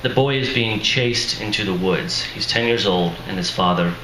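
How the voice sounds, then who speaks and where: At a live reading, a male author introduces his book casually and self-deprecatingly, chuckling as he goes, his voice strained and worn out. It sits fairly low and moves at a normal speed, with a bright, forceful tone. The room echoes and the audience adds noisy ambience.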